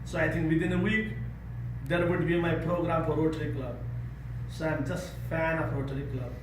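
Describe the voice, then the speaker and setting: A Nepali man with a Nepali accent gives an earnest speech as a guest speaker at a service club, repeating words for emphasis and leading a call-and-response chant. His voice is fairly high and steady at a normal pace. The recording is noisy and echoey, with him standing far from the mic.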